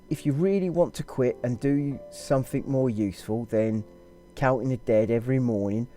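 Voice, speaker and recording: Brief: a man playing a coarse young sister writing home, halting put-on accent, soft dark voice over music. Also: mid-range voice, close to an everyday voice. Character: working-class young woman writing a letter to her sister, blunt and crude.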